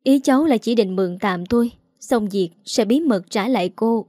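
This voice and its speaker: A woman's voice: on the high side, animated, moderate pace, dark tone, dry recording, clean studio sound. A woman voicing a young female model who pleads, stammers and sobs. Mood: pleading tearful.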